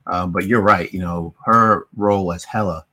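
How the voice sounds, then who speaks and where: A man's voice: low-pitched, steady tone, moderate pace, pushed and bright. A middle-aged man hosting a casual movie review, talking in a rambling way with many fillers and restarts. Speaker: podcast host.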